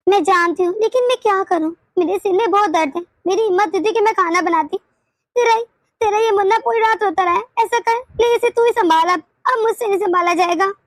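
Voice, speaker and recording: A woman's voice: very high voice, fairly quick, no echo. A woman voicing a tired old grandmother in a cartoon, complaining of a headache and grumbling. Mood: pleading tired. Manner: weary, complaining. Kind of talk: cartoon dubbing.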